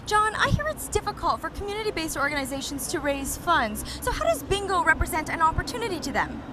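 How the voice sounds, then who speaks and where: Very high, lively woman TV interviewer. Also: quick pace. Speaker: TV bingo show co-host and interviewer. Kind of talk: on-location TV interviewing. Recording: clear outdoor traffic noise.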